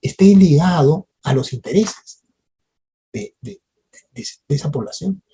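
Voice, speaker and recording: An animated lecturer with a mellow, slightly rough, mid-range voice speaks at a measured pace to an audience at a parliamentary training workshop. Tag questions pull listeners in, though the delivery is hesitant, full of restarts and repeated words.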